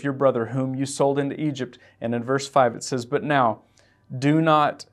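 A pastor preaching an earnest, emotional sermon and reading scripture aloud. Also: male voice, mid-range voice. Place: church.

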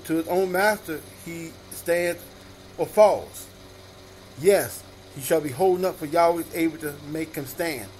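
Slow-talking preacher guy reading scripture, repeats every verse number, bit high voice, faint hiss behind. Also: darkish tone. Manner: repeats each verse reference slowly and deliberately. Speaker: minister.

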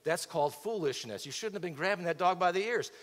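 A man's voice: sits high, animated, fast. A middle-aged man preaching a sermon, asking the congregation rhetorical questions as he paces the stage. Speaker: pastor. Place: large church auditorium stage. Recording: reverberant church hall.

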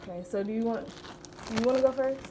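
A woman's voice: a little high, fast. A young woman hosting her own video channel in casual, playful chat. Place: home kitchen, indoors. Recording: clear room noise.

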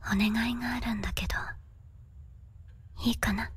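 A woman voicing a calm, manipulative young woman superior in an anime, speaking in a soft, breathy near-whisper with a slow, coaxing manner. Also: a little high, a little hiss or hum, lightly acted. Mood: persuasive. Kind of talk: anime dub acting.

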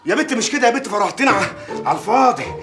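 An actor playing a lecherous, bullying village mayor, wheedling one moment and blustering the next. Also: male voice, sits high, very animated, fast talker, loud music behind the voice. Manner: wheedling, then blustering and threatening. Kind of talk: film acting.

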